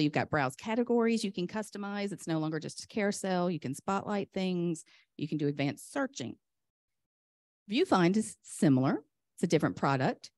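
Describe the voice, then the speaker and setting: A woman presenting a rushed lightning talk at a conference, enthusiastic and chatty, often interrupting herself in a flustered way. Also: deep voice, a little mellow, dry recording. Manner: flustered, chatty self-interruptions while juggling laptop. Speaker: conference speaker, software vendor presenter.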